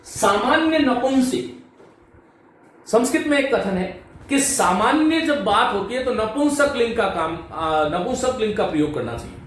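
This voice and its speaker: A man's voice: sits high, sing-song, measured pace. A male Sanskrit teacher giving a patient board lecture, repeating key points and addressing viewers as friends. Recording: echoey room from a distance, faint hiss.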